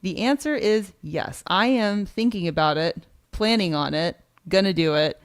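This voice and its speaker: Woman, livestream co-host, smooth voice, friendly chatter, dry close mic. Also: on the low side, moderate pace, dry recording. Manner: chatty, thanks viewers, reads donations aloud. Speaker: co-host of a precious metals livestream. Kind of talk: casual livestream chat.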